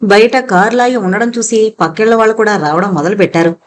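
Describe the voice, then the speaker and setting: A woman narrating an audiobook novel in a steady storytelling manner. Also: mid-range voice, a little fast, slight background noise. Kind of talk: scripted narration.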